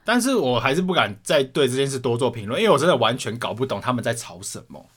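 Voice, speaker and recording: A man's voice: medium pitch, fast, breathy edge. A young man from Taiwan co-hosting a podcast, telling school stories in a casual chat with plenty of swearing. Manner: swears often, animated retelling. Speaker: podcast co-host.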